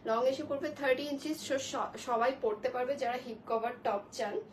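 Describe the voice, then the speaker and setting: A young woman talks low and gently because she has a cold, running a casual live sale of clothes. Her voice sits fairly high, and she keeps up an easy, chatty flow, dropping English words into her talk. A faint hiss runs under the recording. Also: moderate pace, low-quality recording. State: has a cold, speaking softly. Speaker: online clothing seller. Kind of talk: live-stream product showcase.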